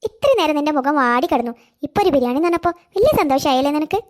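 A woman voicing a kindly, motherly middle-aged neighbor in a cartoon, coaxing and warm. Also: high voice, expressive, quick pace, voice pushed down. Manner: warm coaxing, calls the girl dear. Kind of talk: cartoon voice acting.

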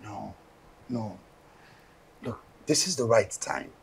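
An actor playing an earnest young Nigerian man in a film drama, with a husky, gravelly voice. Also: lowish voice, lively intonation, slow pace, exaggerated voice.

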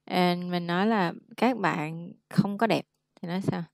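A woman tutoring a student one-on-one, patiently coaxing answers and repeating phrases slowly. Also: fairly low pitch, gravelly, dry recording, clean studio sound. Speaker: English tutor. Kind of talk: one-on-one language lesson.

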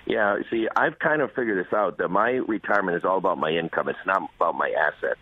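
A man joins a radio interview as a guest author. He talks quickly and hammers his points home through repetition. His voice is a little husky, and it comes through a thin, phone-like line. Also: low-pitched. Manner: emphatic, repetitive, persuasive.

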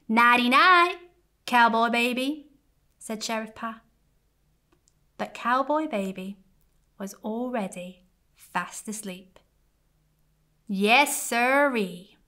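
Woman reading a kids story, real slow and gentle, bright voice. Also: mid-range voice. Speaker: church families coordinator.

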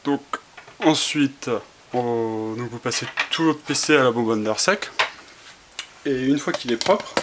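A man's voice: medium pitch, unhurried. A man giving a casual how-to demonstration, talking through each step with many fillers and restarts while he works with his hands. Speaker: tutorial presenter. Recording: faint hiss, home camera audio.

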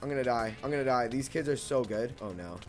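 A young man commentating on his gameplay as a hyped gamer bro, excitable and slangy, often repeating short phrases. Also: medium pitch, quick pace, soft background music. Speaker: gaming video host.

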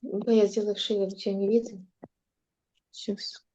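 A woman helping a child at home during a lesson, urging her on with short, quick prompts. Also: mid-range voice, little pitch movement, dark tone. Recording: dull lo-fi audio.

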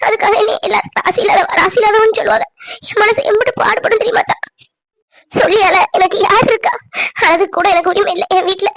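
A woman voicing a tender, lonely young village woman in a cartoon, speaking softly and pleadingly. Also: high voice, expressive, a little fast, no room sound. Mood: tearful. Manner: soft, pleading, tearful. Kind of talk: cartoon voice acting.

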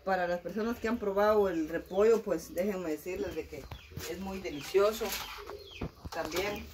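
A woman in her thirties talks viewers through her cooking in a relaxed, chatty way. She is recorded outdoors on a phone at a wood-fire stove. The sound of sizzling food and the fire stays clearly behind her. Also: on the low side, moderate pace. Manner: chatty, explains steps to viewers. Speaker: home cook and channel host. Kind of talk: casual cooking vlog. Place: outdoor kitchen with wood fire under a tin roof. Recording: noisy outdoor phone audio.

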